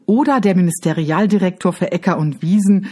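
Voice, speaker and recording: A woman's voice: lowish voice, brisk, breathy edge. Woman doing a greedy, eager boy. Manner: eager and excitable. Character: greedy, cheeky boy who loves food.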